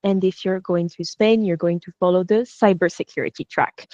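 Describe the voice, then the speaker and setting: A woman's voice: lowish voice, steady tone, moderate pace, a little mellow, dry recording. A woman with an Irish accent, a program coordinator giving a friendly online presentation, explaining step by step with filler sounds. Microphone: video call. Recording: dull lo-fi video call audio.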